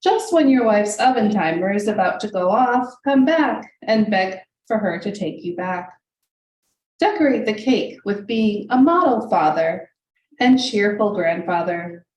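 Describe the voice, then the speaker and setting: Her voice is medium-pitched, expressive and a little mellow as she gives a live reading of her poems indoors in a library reading room. Born in the United States to a Hungarian family and a native Hungarian speaker, she reads deliberately and fills her spoken asides with ums. The recording carries echo, distance from the mic and faint hiss.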